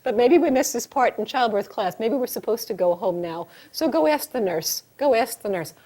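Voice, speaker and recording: A woman's voice: a little high, expressive, normal speed, warm tone. A woman putting on the voice of a frightened woman in labor who keeps pleading to go home. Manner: anxious, pleading, insistent.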